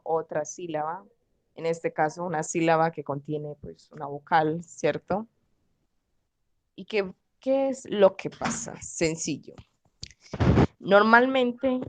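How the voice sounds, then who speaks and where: Slow, patient woman teaching. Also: deep voice, no echo, poor audio. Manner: patient, repeats "¿ok?" and "¿cierto?" often. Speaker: Korean language teacher. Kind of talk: online class explanation.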